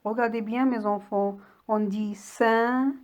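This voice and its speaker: A primary school teacher reads a children's reading lesson aloud slowly and deliberately, patiently breaking each word into syllables for young pupils. Her voice sits a little high with a darkish tone, and it sounds like a voice-over.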